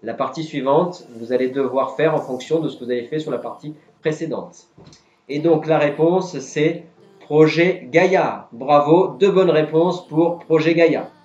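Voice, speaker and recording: A man's voice: a little high, normal speed, darkish tone. Man hosting a quiz in a roomy space. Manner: patiently explains each answer. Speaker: quiz host. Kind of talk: live-stream quiz hosting. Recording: roomy, dull lo-fi sound, faint music.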